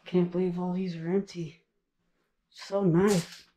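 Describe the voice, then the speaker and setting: A man's voice: high-pitched, flat delivery, slow pace, dark tone, low-quality recording. A man casually narrating as he walks through empty abandoned houses, making offhand comments while filming on a handheld camera. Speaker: urban explorer vlogger.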